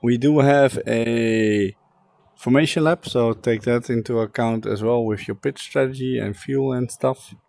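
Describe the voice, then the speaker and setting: Relaxed man running a race lobby. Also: mid-range voice, a little slow, gravelly. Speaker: league race organizer. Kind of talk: casual voice chat before a sim race.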